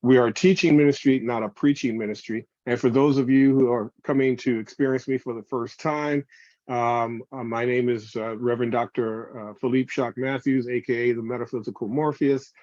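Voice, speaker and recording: Over a video call preserved in a screen recording, a reverend addresses his online audience as family during a spiritual lecture. His mid-range, darkish voice holds a steady tone at a moderate pace, and the call audio is dull and dry.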